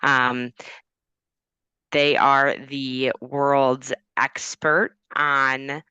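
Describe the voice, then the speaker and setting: An earnest, slightly fumbling podcast host, played by a woman asks her questions in a low voice. The sound is dry and close. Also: level tone, extremely slow, sharp tone, smooth, no room sound, muffled recording, exaggerated voice. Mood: earnest curious. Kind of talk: improvised comedy podcast.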